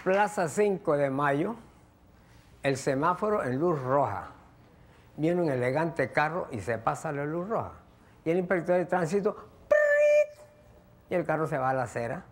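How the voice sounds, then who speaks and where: A man's voice: on the high side, normal speed. A man telling jokes as a stand-up comedian, acting out each character. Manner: lively storyteller, acts out characters.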